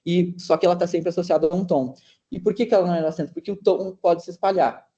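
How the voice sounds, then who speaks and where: Male researcher, seminar talk, mellow voice on the higher side, dull lo-fi call audio. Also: steady tone, fast. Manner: explanatory, with many hesitations and restarts. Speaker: linguistics researcher presenting. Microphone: video call. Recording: dull lo-fi meeting recording.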